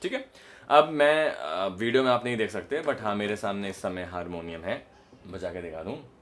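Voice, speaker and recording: A man with an Indian accent, working as a voice modulation coach, explains and demonstrates to camera, stressing key points and often checking that the listener is following. His voice is fairly low and a bit bright, at a moderate pace.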